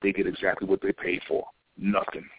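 A man's voice: sits low, monotone, a little fast, no room sound. An American man ranting like a soapbox preacher, exhorting in informal street vernacular with repeated phrases. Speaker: self-styled spiritual teacher. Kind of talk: impassioned soapbox sermon. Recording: thin phone-like radio sound.

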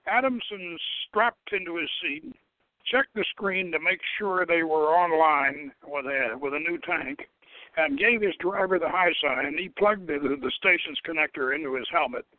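On a lo-fi radio line with a phone-like sound, a host dramatically reads from his satirical science fiction novel, sometimes tripping over words and then correcting them. His voice is a little high at normal speed, recorded dry.

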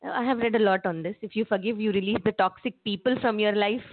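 A woman's voice: medium pitch, steady tone, fast. A woman hosting an interview and putting questions to a guest. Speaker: interviewer, show host. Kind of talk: interview talk. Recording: thin, phone-like narrow band.

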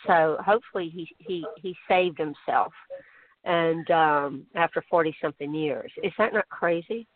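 A woman's voice: sits low, moderate pace. A woman guest on a talk show, chatting casually and effusively, telling anecdotes. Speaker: guest, author on love and relationships. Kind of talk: casual chat, anecdotal storytelling. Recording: tinny phone line.

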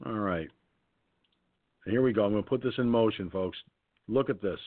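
A man's voice: fairly low pitch, moderate pace, dry recording. A man hosting an online radio talk show, blunt, indignant and swearing as he reads the news. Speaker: host. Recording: dry, phone-like sound.

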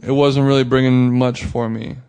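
A man's voice: mid-range voice, level tone, moderate pace, darkish tone, clean tone. A man co-hosting a podcast in casual chat, rambling and hedging his opinions with lots of fillers. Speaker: podcast co-host.

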